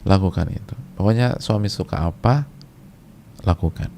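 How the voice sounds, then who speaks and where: A man's voice: sits low, moderate pace, creaky, warm tone, a little hiss or hum. A male preacher giving a casual religious lecture, talking conversationally, repeating key phrases for emphasis and sometimes chanting short religious verses.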